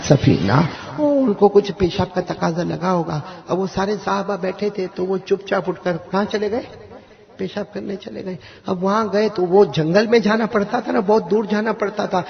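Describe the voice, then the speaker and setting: A man telling a religious story to children in a lively way, often asking them to answer back. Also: high-pitched, vocal fry, muffled recording. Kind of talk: animated storytelling to a young audience.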